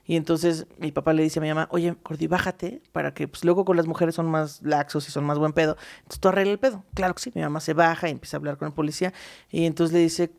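A woman's voice: low-pitched, fairly even intonation, quick pace, creaky, a little mellow. A young woman with a Mexican accent co-hosting a casual podcast, telling anecdotes and laughing often. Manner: storytelling, breaks into song and laughter. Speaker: podcast co-host. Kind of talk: casual chat.

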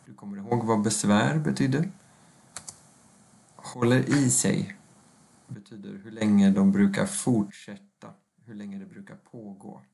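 Man, language teacher, low gravelly voice, slow careful lesson delivery with hesitations. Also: fairly even intonation, darkish tone. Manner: repeats phrases for learners to say after him.

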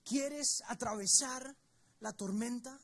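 A man's voice: very high voice, slow. Emphatic preaching man in church. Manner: emphatic storytelling, addressing the congregation directly. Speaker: pastor. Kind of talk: sermon. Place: church service.

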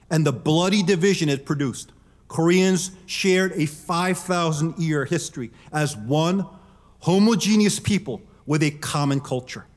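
A middle-aged man giving a formal prepared keynote speech from a podium, measured and emphatic. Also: sits high. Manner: measured, emphatic, gestures while speaking. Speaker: keynote speaker. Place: large conference hall. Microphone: podium microphone. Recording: long reverb of a large hall.

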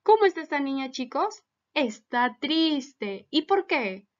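Slow, patient woman teacher. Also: high-pitched, big pitch swings, highs cut off. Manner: patient, asks children many questions. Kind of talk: recorded lesson for children.

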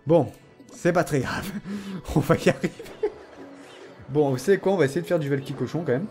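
A man giving casual, excitable commentary on his own game, teasing and mock-threatening his opponent, and saying he is tired. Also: a little high, a little fast, soft background music. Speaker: gaming channel host.

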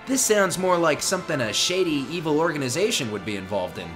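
A youthful, fairly high male voice from a man acting plays a reluctant teenage hero. He is wry, casual and skeptical in video game style, with music behind him. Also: animated, a little fast, close to an everyday voice. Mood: wary, grumbling.

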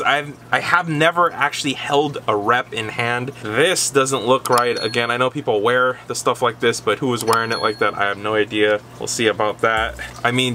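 A man's voice: mid-range voice, slight background noise. A young man hosting a casual unboxing vlog from a dim room at home, talking straight to the camera. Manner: animated, talks straight to camera with gestures. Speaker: resale vlogger.

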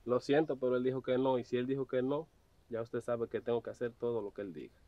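Playing a farm-gate servant who is obedient yet mocking, a young actor chuckles teasingly through his web drama lines. He talks fast in a steady, medium-pitched voice near his natural one, with no echo and the highs cut off.

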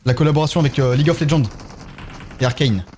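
A man's voice: a little high, fast talker, darkish tone, a little hiss or hum. A man with a French accent, chatting casually on a live game stream and thanking viewers one by one as he plays.

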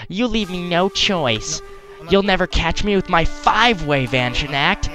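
A man's voice: high voice, animated, normal speed, over music. A man voicing a boastful, condescending trickster villain from a video game. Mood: smug, gloating.

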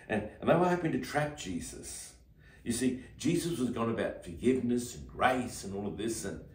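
A male pastor delivers a short devotional talk in an earnest, emphatic storytelling manner. His voice sits low. The room is echoey and the mic is set some way off. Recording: roomy, mic at a distance.

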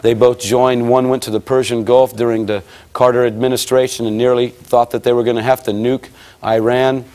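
A man's voice: medium pitch, moderate pace. An American man giving his testimony at a church service, telling a vivid story and acting out the dialogue. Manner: lively storyteller, acts out dialogue, grows excited.

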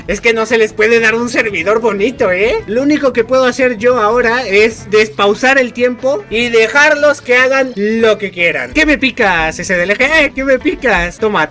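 A man giving casual, excitable gameplay commentary as a YouTuber, chatty and laughing often. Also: sits high. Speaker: gaming YouTuber.

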